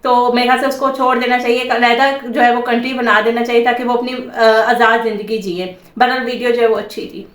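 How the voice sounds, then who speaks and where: A woman's voice: a little high, flat delivery, fairly quick, hardly any pauses, fairly bright tone, far from the mic. A young woman from Pakistan co-hosting a reaction video, talking in a chatty, opinionated way. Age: young adult. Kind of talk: casual reaction commentary. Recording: echoey room, a bit off-mic.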